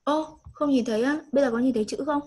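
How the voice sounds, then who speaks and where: A woman's voice: sits high, fast talker, a little mellow, husky, low-quality recording. A woman, teaching an online English lesson over a video call, patiently coaxing and repeating prompts.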